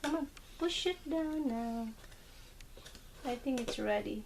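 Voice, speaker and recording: A high-pitched, creaky female voice speaks slowly to a toddler during play. It's a mother at home with her small son, talking in simple, patient terms, filmed on a noisy home video.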